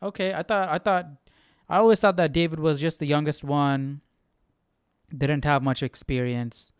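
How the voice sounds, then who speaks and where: A man hosting a Bible study livestream muses aloud in casual reaction and commentary, checking now and then whether listeners agree. His voice is on the high side and steady, at normal speed, with a clean tone and echo-free studio sound.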